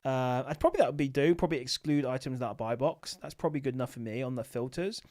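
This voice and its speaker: A man's voice: medium pitch, fast talker, darkish tone. A man hosting a late-night livestream, chatting casually and thinking aloud with many fillers, sounding tired. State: tired, sleepy. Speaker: livestream host, Amazon seller.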